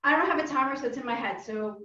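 A high-voiced woman karate instructor coaches a family workout class over a video stream, cheering and calling out each cue. She sounds distant from the mic in a roomy space at home. The recording is dull and muffled. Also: fast talker, sharp tone. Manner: upbeat, encouraging, calls out cues. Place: home room.

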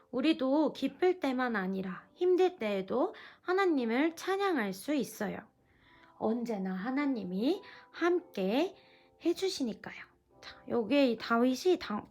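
A woman evangelist leading a children's devotional lesson and prayer, coaxing and lively with the kids, soft and hushed when praying. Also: on the high side. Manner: lively, coaxing teacher talk to young children.

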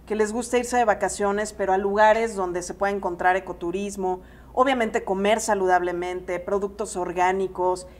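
A woman with a Mexican Spanish accent speaks as an environmental specialist in a seated interview. She explains things at a steady pace, now and then restarting a word. She is close on a lapel mic, with her voice at a middle pitch. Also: normal speed. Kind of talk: interview answer. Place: seated in an expo lounge area.

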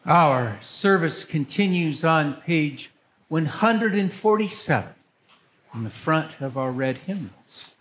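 An older man speaking as a pastor, reading liturgy to a congregation in a church with measured, solemn phrasing. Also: a little high, lively intonation, fairly bright tone, slight background noise, low-quality recording. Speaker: pastor leading worship.

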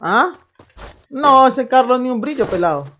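A woman's voice: sits high, animated, a little slow, fairly bright tone, a little hiss or hum. A young woman from Colombia, live-streaming a game and hyping up her chat in slangy banter. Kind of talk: live gameplay commentary.

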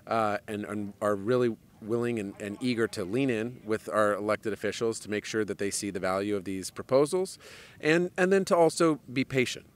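A man, a trade association president giving measured interview answers outdoors into a handheld mic, with frequent fillers. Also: on the low side. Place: outdoors on a lawn. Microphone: handheld mic held by interviewer.

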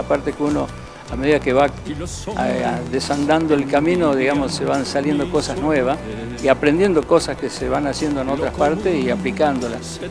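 Older man, singer guest, slightly high voice, halting and full of fillers, music bed under the talk. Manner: hesitant, with fillers and repeated words. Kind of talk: casual interview talk. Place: indoor restaurant, large room. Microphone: handheld mic held by the interviewer.

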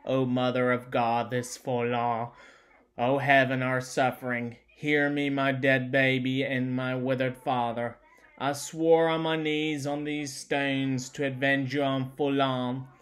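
A man reading out the vengeful cries of frenzied, starving women in a halting manner. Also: mid-range voice, flat delivery, a bit bright, smooth. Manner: halting, repeating words.

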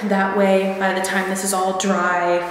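A woman's voice: mid-range voice, completely flat delivery, unhurried, slight background noise. A young woman in casual vlog chat, upbeat and chatty as she shows things around her house on a handheld camera. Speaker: home vlogger. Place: inside a house.

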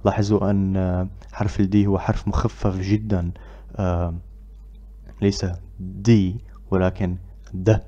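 Slow deep-voiced male pronunciation teacher. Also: little pitch movement, highs cut off. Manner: pauses with filler sounds between phrases; repeats English drill words slowly and loudly. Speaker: English teacher. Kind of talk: pronunciation lesson.

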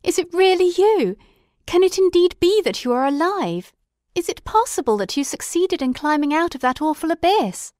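A woman playing an excitable, devoted gentleman storyteller in a dramatic audiobook, with an expressive, earnest and formal delivery. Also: extremely high pitch, normal speed, dry recording, clean studio sound. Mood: astonished, overjoyed.

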